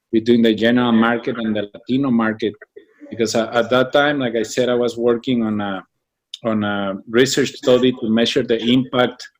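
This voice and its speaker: Man, halting and thoughtful. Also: medium pitch. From Mexico. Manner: thoughtful, many fillers and restarts. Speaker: guest, founder of a business association. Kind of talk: interview answers.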